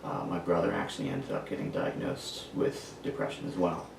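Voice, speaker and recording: Podcast guest, man in his twenties, deep rough voice, slow halting storytelling, room echo. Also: big pitch swings, background noise. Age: 20s. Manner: halting, searching for words. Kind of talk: personal storytelling. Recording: echoey room, far from mic.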